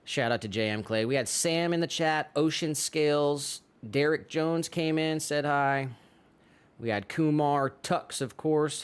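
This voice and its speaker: Easygoing man doing stream shout-outs. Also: mid-range voice, clear, resonant tone. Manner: easygoing, chatty, drawn-out fillers. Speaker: livestream co-host. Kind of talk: casual chat and chat shout-outs. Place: pottery studio.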